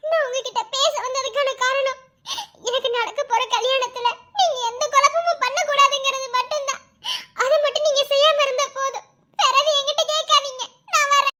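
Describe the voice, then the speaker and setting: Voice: very high-pitched, fairly even intonation, normal speed, bright, forceful tone. A voice actor playing a young woman who firmly turns away her former lover in a cartoon love story. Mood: cold, firm. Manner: firm, curt.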